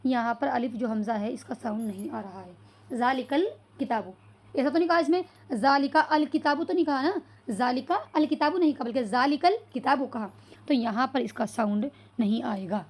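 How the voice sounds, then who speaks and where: Her voice sits a little high with a darkish tone as she leads an Arabic class. She asks questions and supplies the answers, frequently checks understanding with "clear so far?", and slowly spells out Arabic words.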